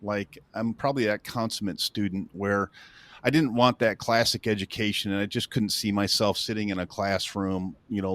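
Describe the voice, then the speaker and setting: A man in his fifties from northern Illinois, a real estate coach telling his story in a casual interview with a self-deprecating, joking manner. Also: on the low side. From northern Illinois, USA. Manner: self-deprecating, laughs at his own stories.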